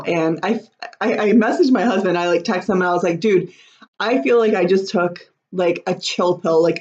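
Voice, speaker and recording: A woman's voice: mid-range voice, darkish tone, dull audio. A woman in her thirties, a parenting coach, talking casually about her own day with lots of "like" and "um". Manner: chatty, many fillers like "like" and "um". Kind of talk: casual personal talk to camera.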